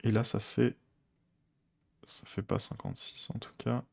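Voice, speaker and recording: A man's voice: mid-range voice, little pitch movement, a little slow, vocal fry, darkish tone, breathy edge. A man, streaming a coding session and chatting casually, thinking aloud with many fillers and restarts. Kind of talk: casual live coding chat.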